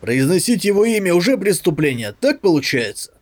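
A blunt young private, curious and careless about danger, as a male narrator voices him. The delivery stays lively and a little raised. An audiobook reading. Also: sits high, brisk, pitched above the performer's own voice.

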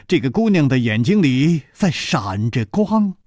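A man narrating a Chinese storytelling reading, expressive and measured. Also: medium pitch, no room sound, studio quality.

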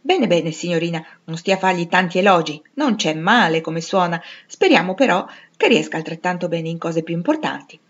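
Gruff stern old man, read by a woman, curt and dry, low voice. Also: animated, fairly quick, few pauses, lo-fi sound.

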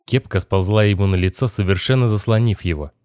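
A man reads an audiobook in a measured, even narrating voice. His voice sits fairly low, and the recording is dry and close, with no room sound. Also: no room sound. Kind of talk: scripted narration.

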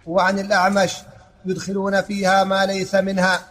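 A man reading a classical text aloud in a lesson, in a flat, even recitation with small stumbles and restarts. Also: sits high, a little fast, a little hiss or hum.

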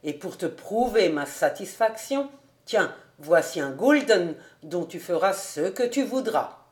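Woman lowering her voice for a kind young gentleman. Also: expressive, a little slow, echoey room. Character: young male city gentleman, kind, cheerful.

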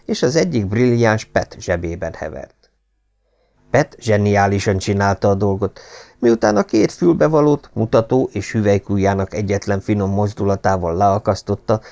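A man reading a novel aloud as an audiobook narrator, in expressive storytelling. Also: lowish voice, vocal fry. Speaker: audiobook reader. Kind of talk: scripted narration.

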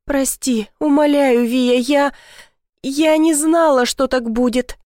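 A woman's voice: sits high, fairly even intonation, slow pace, a little mellow, dry recording, clean studio sound, pitched above the performer's own voice. Woman voicing a tearful pleading young sister. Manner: pleading, breaking voice.

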